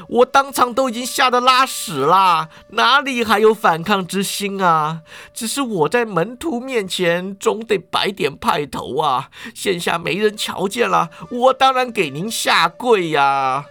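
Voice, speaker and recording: A cowardly, fawning charlatan of a wuxia tale, voiced by a man telling the story, whining and pleading with a raised, strained pitch. He talks loudly and draws out his words as he grovels. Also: expressive, a little slow, gravelly, hardly any pauses, heavily acted. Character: cowardly fawning male fake immortal, sniveling.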